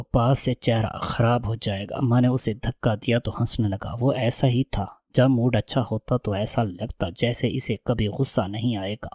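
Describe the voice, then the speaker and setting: A man narrating a first-person story in a steady, even reading voice. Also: mid-range voice, breathy edge, no echo, studio quality.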